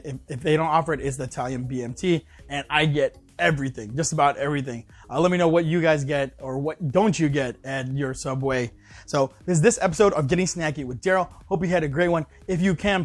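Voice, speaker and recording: A man casually reviewing a fast-food sandwich in a vlog, rambling with lots of fillers and restarts, sometimes talking with his mouth full. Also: a little high. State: talking while chewing.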